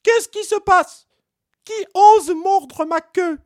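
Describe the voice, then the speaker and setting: A man voicing a sly, lying male monkey in a storybook, with a shrill, squeaky voice. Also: slow, no echo, clean studio sound. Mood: panicked.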